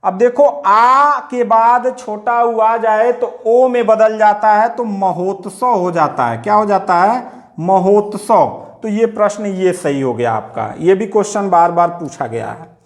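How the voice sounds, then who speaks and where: Speaking a little slowly in a high voice, this man teaches grammar for exam preparation. He works through each point step by step, echoing his own questions back to whoever is listening.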